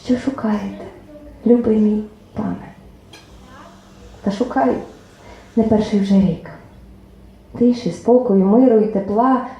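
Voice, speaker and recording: A woman poet reciting her own verse at a book presentation, expressive, with lines that trail off softly into near-whispers. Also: medium pitch, measured pace, long pauses, muffled recording. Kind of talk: poetry reading at a book presentation. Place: club event hall. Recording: very echoey hall, faint room noise.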